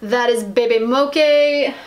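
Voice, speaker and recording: A woman's voice: on the high side, slow, a crowd in the background. Chatty American woman rambling about polish. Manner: rambling, hesitant, lots of fillers and restarts. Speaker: nail polish vlogger. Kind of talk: casual haul chat.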